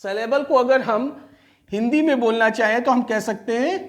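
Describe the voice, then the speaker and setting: A man's voice: very high-pitched, normal speed. A man teaching a grammar lesson. He explains step by step, asks his own questions and answers them, and stretches out key terms. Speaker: English teacher.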